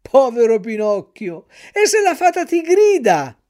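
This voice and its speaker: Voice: mid-range voice, big pitch swings, measured pace, darkish tone, pitched above the performer's own voice. A storyteller voicing Lucignolo, a mischievous boy tempting his friend, in an eager, coaxing, insistent way.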